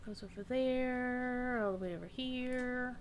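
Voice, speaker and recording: A woman's voice: high voice, slow pace, a little hiss or hum. A woman giving casual gameplay commentary, chatty and playful, thinking aloud as she goes. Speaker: gamer, streamer.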